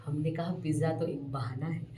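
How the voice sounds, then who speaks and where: A woman who tells a story with a lot of feeling, acting out the people she quotes. Her voice is soft and dark, and in the middle of her words it often jumps high. She is recorded in an echoey room from a little distance, with faint sound in the background. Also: fairly even intonation, moderate pace, soft background music. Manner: acts out quoted voices with rising pitch and loudness. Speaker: devotee storyteller guest. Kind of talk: animated personal storytelling.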